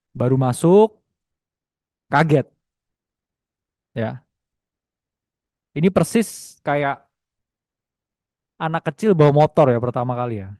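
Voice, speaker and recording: This young man, a webinar host who teaches trading, has an Indonesian accent and a dark-toned voice on the high side, recorded with no echo. He jokes and teases casually, reads the chat out loud, and adds "ya" to many of his lines.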